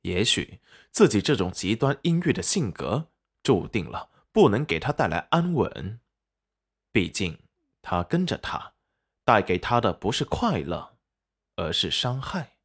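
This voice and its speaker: A man narrating a serialized web novel audiobook with expressive storytelling. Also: fairly low pitch, measured pace, slightly rough.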